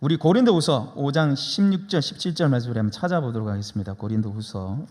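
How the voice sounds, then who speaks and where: A man's voice: mid-range voice, expressive, quick pace, a little mellow. A man preaching a sermon as pastor, emphatic and leading the congregation in repeating lines. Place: church sanctuary. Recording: long church reverb.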